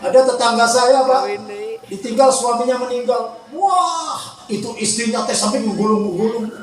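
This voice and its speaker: A man preaching a sermon, shouting, teasing the crowd and calling on them to answer back. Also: extremely high pitch, flat delivery, brisk. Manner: teasing, joking with the audience. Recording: echoey hall, mic from far off.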